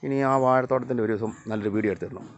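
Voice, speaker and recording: A man filming a casual vlog outdoors around his house, talking softly to viewers and calling out loudly to his cats and dogs. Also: on the low side, very fast. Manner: calls and scolds animals in raised voice, chats softly to viewers. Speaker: vlogger. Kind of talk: casual vlog narration to camera while feeding pets. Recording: slightly dull lo-fi phone audio.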